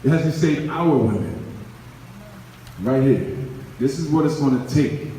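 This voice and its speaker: A man's voice: mid-range voice, expressive, measured pace, warm tone, slight background noise. A man giving an earnest, conversational motivational speech to a live crowd at an event, often repeating his words. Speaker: event speaker. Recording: echoey hall, recorded from far off.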